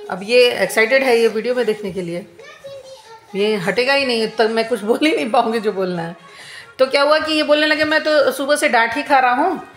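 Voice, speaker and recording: A woman's voice: a little high, fairly bright tone, reverberant. A woman in her thirties venting to camera at home, complaining in an aggrieved, repetitive way. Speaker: vlogger.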